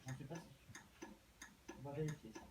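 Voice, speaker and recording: An actor playing a sly, nosy Paris taxi driver, calm, teasing and probing, in an amateur sketch. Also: male voice, medium pitch, normal speed, natural voice. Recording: echoey, distant mic with loud noise.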